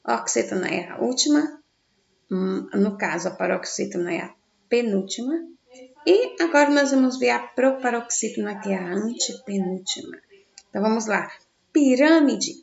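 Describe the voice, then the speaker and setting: In a dull, echoey room, a woman teacher records a grammar lesson for children in Brazilian Portuguese. Her medium-pitched voice is gravelly, and she goes slowly, stressing syllables as she sounds out words. She asks the class questions and answers them herself.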